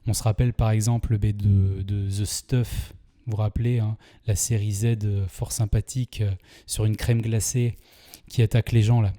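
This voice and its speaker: A man's voice: on the low side, little pitch movement, normal speed, dark tone. A man with a French accent hosting a casual film review, chatty and full of hesitations. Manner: chatty, many fillers and restarts. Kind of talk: casual video commentary.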